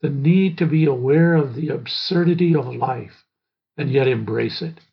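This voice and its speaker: Older guy slowly reading his memoir, raspy voice, dull lo-fi sound. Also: mid-range voice. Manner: slow, measured, reflective storytelling. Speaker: memoir narrator. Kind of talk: reading a personal memoir aloud. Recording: dull lo-fi recording.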